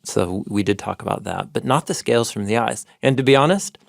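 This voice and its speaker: A man's voice: lowish voice, animated, brisk, vocal fry, no room sound, studio quality. A man co-hosting a podcast, explaining old texts and word meanings with scholarly enthusiasm. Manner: enthusiastic scholarly explaining, citing ancient sources. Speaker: podcast co-host, Bible teacher.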